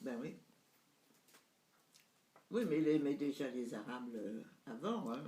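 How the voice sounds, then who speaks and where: A woman in her nineties, with a deep bass voice and warm tone, recalls family memories in a casual chat with her son. She is animated yet measured in pace, hesitating and searching for words, and the recording sounds roomy.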